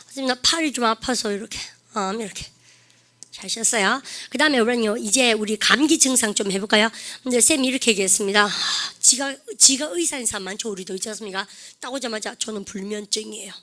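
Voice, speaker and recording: A woman's voice: a little high, a bit bright. A woman teaching English vocabulary, prompting students to repeat phrases and joking along the way. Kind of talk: lively online English lesson with call-and-repeat drills.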